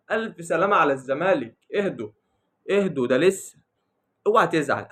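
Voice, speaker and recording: Egyptian guy doing a football rant, talks super fast, voice a bit high, keeps mocking and repeating himself. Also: a bit bright. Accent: Egyptian Arabic. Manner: mocking, teasing, repeats his lines. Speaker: football vlogger. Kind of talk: casual football commentary rant.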